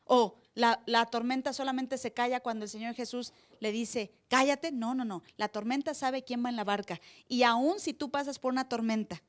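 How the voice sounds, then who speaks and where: A woman pastor preaching a sermon live in church, acting out voices with sudden loud cries. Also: fairly high pitch, steady tone, moderate pace, hardly any pauses.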